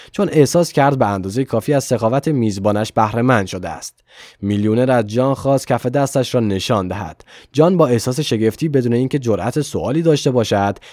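A man narrating an audiobook in a measured, calm reading. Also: medium pitch, dry recording, clean studio sound. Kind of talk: scripted narration.

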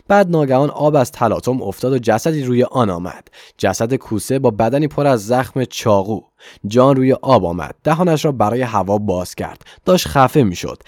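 A man narrating a story as a reader, with steady, measured delivery. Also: mid-range voice, no room sound, studio quality. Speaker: audiobook narrator. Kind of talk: scripted narration.

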